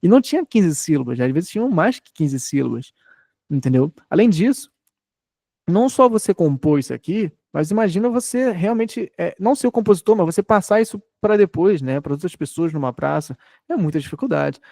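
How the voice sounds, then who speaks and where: A man's voice: sits high, lively intonation, brisk, gravelly, dark tone, no room sound, studio quality. A man in his thirties from Brazil, giving an online lecture, explaining patiently and checking in often with his students. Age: 30s. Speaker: teacher.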